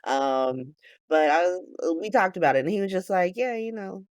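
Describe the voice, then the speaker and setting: A woman in her late thirties hosting a podcast, chatting casually in a rambling, animated way that is full of swearing and laughs, and sounding tired. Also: lowish voice, normal speed, dry recording. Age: 30s. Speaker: podcast host. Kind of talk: casual chat recap.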